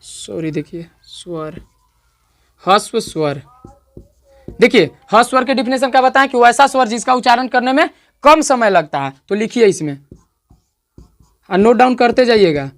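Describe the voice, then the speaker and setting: A man's voice: extremely high pitch, normal speed, pauses often. A male teacher giving an online grammar lesson, repeating points and often checking that students follow. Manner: repetitive, checks understanding often; stretches out sounds to demonstrate vowel length.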